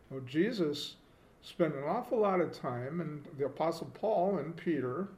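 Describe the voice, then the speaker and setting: Male co-host, measured and reflective, lots of fillers, roomy echo, faint hiss behind. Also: medium pitch, a little mellow. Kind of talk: casual theological discussion.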